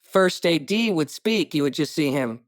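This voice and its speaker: A man, a writer-director being interviewed, telling stories in an animated way with quick asides and restarts. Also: fairly high pitch, no echo, clean studio sound. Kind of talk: casual interview talk.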